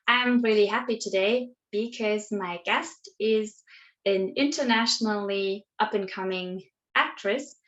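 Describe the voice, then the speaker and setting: A woman's voice: mid-range voice, measured pace. Upbeat woman host, dull audio. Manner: upbeat, encouraging, some hesitations. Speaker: interview host. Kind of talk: online interview show.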